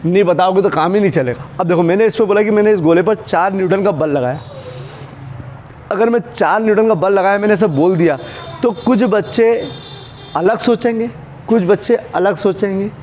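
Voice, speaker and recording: A man's voice: high voice, normal speed, darkish tone, highs cut off, slight background noise. A male physics teacher giving a classroom lecture. He keeps asking his students questions and answering them himself. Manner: calls students "beta" and "bhaiya", handles props while explaining.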